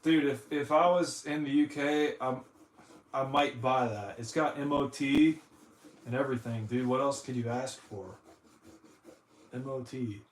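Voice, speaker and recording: A man's voice: mid-range voice, a little slow, echoey room, slight background noise. A man from the United States in a casual live-stream chat, rambling and joking, often saying "dude" while he cleans consoles. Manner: rambling, jokey, says "dude" a lot.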